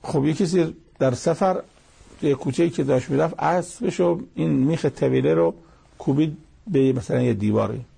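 A man's voice: fairly high pitch, gravelly, dark tone, husky. A man giving a religious lecture, explaining with everyday examples and quoting Arabic verses.

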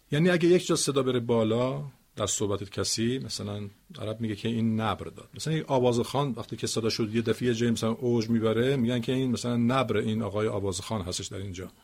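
A man teaching Quran recitation, explaining word stress with spoken examples in a slow, deliberate way. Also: mid-range voice, a little mellow.

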